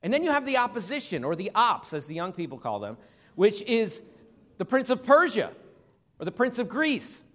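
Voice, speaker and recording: A man's voice: sits high, sing-song, normal speed, pushed and bright. A male pastor preaching a Bible-teaching sermon in a conversational way, with humorous asides to the congregation. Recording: long reverb of a large hall.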